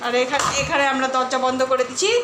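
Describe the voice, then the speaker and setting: A very high-pitched woman films a home vlog, chatting to viewers and calling out her dog in rapid, repeated commands. The room is echoey, and steady background noise sits under her voice. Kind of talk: casual home vlog narration. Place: inside a home.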